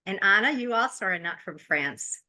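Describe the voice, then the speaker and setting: Bright-voiced American woman hosting. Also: mid-range voice, expressive, moderate pace. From United States. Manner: chatty, with frequent fillers and restarts. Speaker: podcast host. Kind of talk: casual interview introduction.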